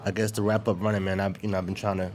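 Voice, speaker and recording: A man in his late twenties hosting a podcast, chatting casually with quick restarts and repeated words. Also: low voice, level tone, a little mellow. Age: 20s. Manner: fast, repetitive restarts, friendly. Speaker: podcast host. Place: event space.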